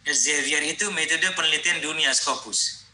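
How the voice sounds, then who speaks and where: A man's voice: on the high side, steady tone, moderate pace, pushed and bright, reverberant, slight background noise, rough recording. A man giving a rambling online lecture on research proposals, addressing his listeners directly.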